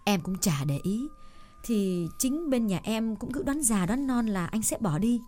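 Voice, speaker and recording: A woman voicing a shy young village woman in love, speaking softly and hesitantly with stammers in an audiobook drama reading. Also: a little high, lively intonation, unhurried. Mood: tender.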